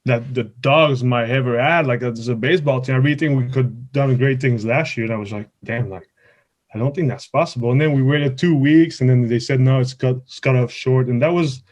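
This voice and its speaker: Answering interview questions on a podcast, a Quebec-born college baseball player in his twenties talks casually and rambles a bit. He's a native French speaker with a Quebec French accent, and his medium-pitched, slightly mellow voice moves a little fast with few pauses.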